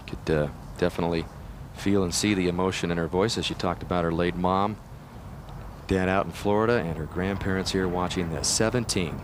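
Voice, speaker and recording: A man hosts live golf coverage as a commentator. His voice is somewhat low, and the broadcast has noticeable outdoor noise behind it. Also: steady tone, a little fast.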